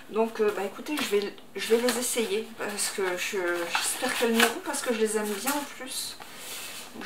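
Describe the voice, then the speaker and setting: A woman with a fairly high voice talks casually to camera at home, hesitating often and filling gaps as she unboxes parcels. The room is echoey and there is clear background noise throughout. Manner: chatty, hesitant with many fillers. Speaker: unboxing vlogger.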